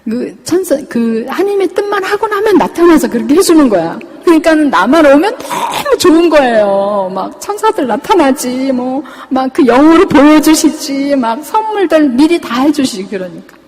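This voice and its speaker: A woman religious sister giving a spoken testimony, telling the story in a lively way and acting out the dialogue she recounts. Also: high-pitched, normal speed, hardly any pauses. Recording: long reverb of a hall.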